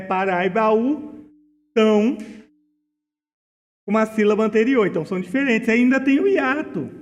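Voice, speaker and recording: A Brazilian man teaching as an exam prep tutor, slowing down to spell out words and rules and using diminutives. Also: high-pitched, long reverb tail. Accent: Brazilian Portuguese. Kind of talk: recorded exam-solution lesson.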